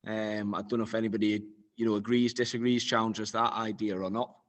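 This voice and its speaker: A man's voice: on the low side, little pitch movement, a little fast, poor audio. A man leading a casual discussion among coaches on a video call, chatty and thinking aloud as he goes.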